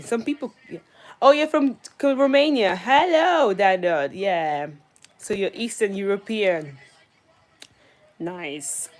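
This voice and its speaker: A young woman from Italy hosting a casual livestream, chatting with viewers and telling a story about her first job. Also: medium pitch. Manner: chatty, greets viewers by name between story bits. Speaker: livestream host.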